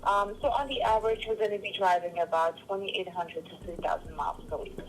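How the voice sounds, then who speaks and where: A woman's voice: mid-range voice, steady tone, fairly quick, slight background noise. A woman recruiter heard over a phone call, answering questions patiently with many hesitant fillers. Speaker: trucking company recruiter.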